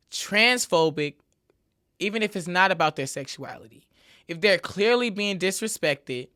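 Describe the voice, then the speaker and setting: A woman with a medium-pitched voice that sounds pushed and bright hosts her podcast by herself. Her talk is casual and emphatic, heavy on repeated filler tags.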